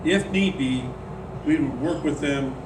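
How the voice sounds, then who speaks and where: A golf club board member leads a meeting, delivering an announcement in a voice on the high side, broken up by frequent "uh"s. The recording, made in the club's meeting room, sounds roomy and distant, with a hum underneath.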